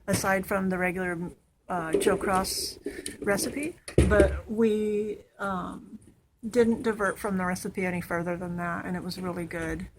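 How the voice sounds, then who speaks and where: A woman's voice: fairly low pitch, steady tone, a little slow, noisy background. A young woman chatting casually in a home vlog, upbeat and rambling. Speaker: vlogger. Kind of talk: casual chat.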